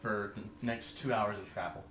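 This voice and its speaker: A man's voice: on the low side, moderate pace. Laid-back male game master, roomy sound. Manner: relaxed, laughs often, apologetic asides. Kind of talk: tabletop game session. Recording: roomy room, background noise.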